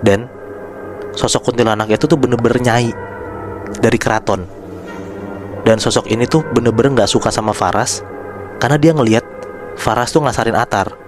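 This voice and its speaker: A man hosting a podcast, telling a horror story in a relaxed, chatty way and addressing his listeners by name. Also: medium pitch, a little fast, pauses often, over music. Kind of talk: casual spoken storytelling.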